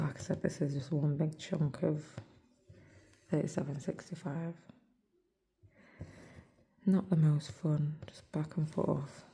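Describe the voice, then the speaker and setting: Over her stitching, an English cross-stitch vlogger talks casually in a soft murmur that's almost a whisper. Her voice is low, hoarse, level and mellow, carrying a gravelly, husky roughness, and was captured on a phone microphone.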